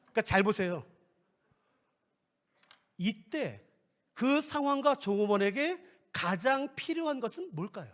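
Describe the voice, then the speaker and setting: High, lively middle-aged pastor preaching. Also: male voice, unhurried, pauses often. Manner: animated, playful, acts out scenes. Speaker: guest pastor. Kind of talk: sermon. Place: church sanctuary.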